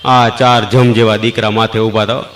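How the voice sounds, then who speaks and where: A man's voice: lowish voice, little pitch movement, moderate pace, fairly bright tone, a little hiss or hum. A man with a Kathiyawadi Gujarati accent telling folksy jokes on stage, mimicking characters and singing little snippets. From Saurashtra, Gujarat. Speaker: stand-up joke teller. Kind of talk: folksy comic storytelling.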